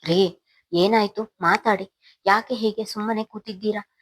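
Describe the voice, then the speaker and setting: A woman's voice: mid-range voice, normal speed, breathy edge, close to an everyday voice. A woman voicing a frantic middle-aged mother who cries out in alarm, in a storybook narration. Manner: shouting, frantic.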